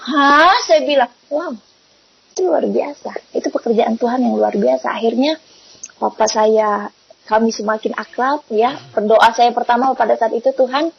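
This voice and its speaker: Husky woman telling a faith testimony. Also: on the high side, normal speed, dry recording. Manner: animated storytelling, acting out quoted dialogue. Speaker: testimony speaker. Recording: muffled lo-fi recording.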